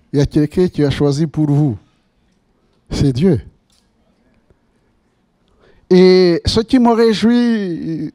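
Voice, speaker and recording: Slow-speaking pastor. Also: male voice, on the high side, mellow, dry recording, clean studio sound. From Rwanda. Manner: asks the congregation rhetorical questions. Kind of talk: sermon.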